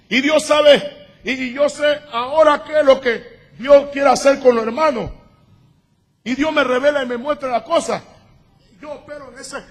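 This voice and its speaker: A man pastor preaching a sermon in Spanish to his congregation, building from steady teaching to shouted emphasis. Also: very high-pitched. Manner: preaching, rising to shouts at times.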